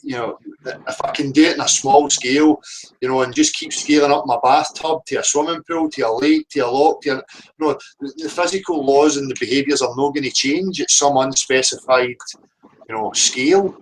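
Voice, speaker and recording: A man's voice: medium pitch, fairly quick, slight background noise, poor audio. A man, talking emphatically on a video call and repeating points for stress. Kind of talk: casual discussion on a video call.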